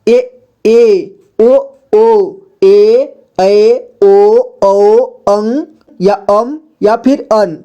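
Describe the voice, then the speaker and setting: A woman teaching Hindi letters and vowel marks, explaining patiently, repeating herself and drawing out syllables slowly one by one. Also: a little high, warm tone. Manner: patient, repeats "ठीक है" and "देखिए" often, drills syllables slowly. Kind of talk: slow classroom explanation.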